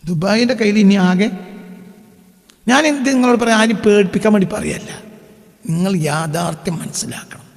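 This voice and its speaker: A man giving an animated sermon-style talk, asking questions and answering them himself and reading news aloud to explain it. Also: high voice, normal speed, gravelly, long pauses, in a large hall. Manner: animated, asks and answers his own questions. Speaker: Islamic preacher.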